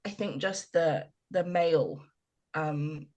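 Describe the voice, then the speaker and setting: A woman from Ireland co-hosting a relaxed podcast conversation. Her voice sits a little low. She tells stories in an animated way and acts out the people she quotes. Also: slow pace, dull audio. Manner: animated storyteller, retells scenes with lively quoted voices. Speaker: podcast co-host. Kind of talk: casual chat.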